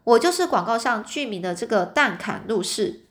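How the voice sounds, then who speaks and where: A woman's voice: a little high, expressive, moderate pace, fairly bright tone. A woman doing a fussy, overly polite red-haired little man. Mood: smooth, polite. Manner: ingratiating, repeats his words.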